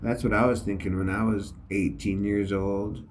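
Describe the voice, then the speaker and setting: A man's voice: fairly low pitch, level tone, normal speed, darkish tone, slight background noise. A middle-aged man, an army veteran, telling a story in a casual, rambling way with many fillers. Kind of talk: casual spoken reflection.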